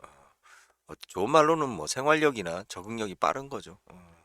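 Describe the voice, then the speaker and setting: A man's voice: medium pitch, sing-song, a little fast, bright, forceful tone, dry recording, clean studio sound. A man from central South Korea, hosting a casual real estate livestream, talking bluntly with frequent fillers and chuckles. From Chungcheong region, South Korea.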